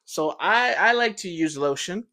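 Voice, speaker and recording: A man's voice: high-pitched, animated, measured pace, bright, forceful tone. A young man co-hosting a casual podcast chat, joking and laughing often. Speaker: podcast co-host.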